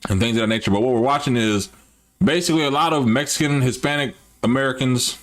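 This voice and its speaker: A man hosting a live stream, talking casually and straight to his chat. His delivery rambles, with frequent restarts and easy slang. His voice sits at an ordinary middle pitch for a man. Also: fast talker. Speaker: livestream host.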